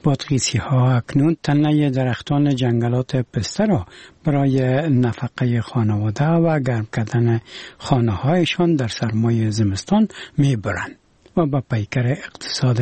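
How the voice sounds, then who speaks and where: Dry, mellow, husky Afghan newsreader. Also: male voice, medium pitch, dry recording. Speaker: radio news presenter. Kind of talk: scripted news reading.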